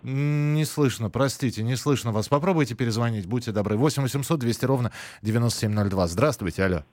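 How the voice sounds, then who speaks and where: A man hosting a live radio phone-in in a conversational, halting, self-correcting way. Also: medium pitch, a little mellow, no room sound. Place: dry studio.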